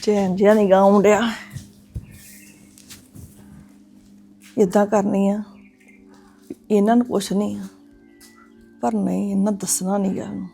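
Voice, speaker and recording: A woman's voice: mid-range voice, steady tone, brisk, soft background music, natural voice. An actress playing a wary woman who keeps urging caution and advising that things be checked properly, in a domestic drama. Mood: worried, muttering. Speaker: actress in a web series.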